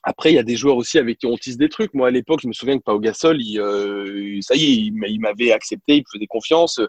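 A man speaking his native French tells stories quickly and animatedly, stumbling through fillers and restarts. His voice is husky and dry, with no room sound, and the recording is slightly dull. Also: medium pitch, no echo. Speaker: guest, former basketball reporter. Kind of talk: casual interview storytelling.

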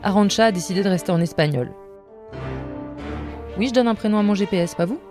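A woman's voice: medium pitch, fast talker, over music. A woman podcast host telling a personal story in casual narration, with a wry, self-mocking humor.

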